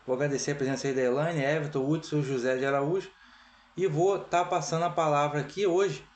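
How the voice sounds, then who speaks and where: A Brazilian man presiding over an association meeting, opening it in a measured, formal way with frequent "tá?" tags. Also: fairly high pitch, fairly even intonation. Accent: Brazilian Portuguese. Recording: echoey room.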